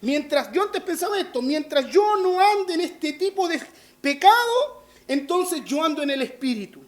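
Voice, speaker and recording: A man's voice: very high-pitched, animated, normal speed. A man with a Chilean Spanish accent, a pastor preaching an online sermon and often calling his listeners brother.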